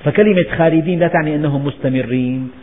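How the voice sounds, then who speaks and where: A man's voice: fairly high pitch, rapid-fire. A man with a Syrian Levantine accent giving a religious lecture on scripture, emphatic, stacking repeated phrases into rhetorical lists. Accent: Syrian Levantine Arabic. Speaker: Islamic preacher explaining scripture. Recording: tinny lo-fi audio with long hall reverb.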